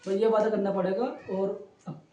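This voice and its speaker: A man's voice: high-pitched, flat delivery, moderate pace, dark tone, recorded from a distance, a little hiss or hum. Man teaching physics in an echoey room. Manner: chatty, repeats "ठीक है" and checks on students. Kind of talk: online coaching lecture. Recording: roomy echo, voice away from the mic.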